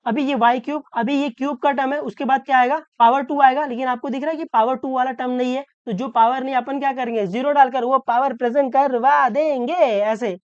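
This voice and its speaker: A woman maths tutor from Maharashtra explains a problem step by step, often checking that the students follow and slowing down to stress each rule. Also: high voice, clear, resonant tone, no room sound, muffled recording. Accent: Hindi-English mix, Maharashtra. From Maharashtra, India. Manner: checks understanding with repeated questions; slows down to stress key rules.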